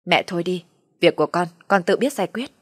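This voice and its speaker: Brief: woman playing a young husband in an audio story, firm and low-pitched. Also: lively intonation, fairly quick, no echo, studio quality. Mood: firm, exasperated. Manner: firm, raised voice. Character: young husband defending his wife.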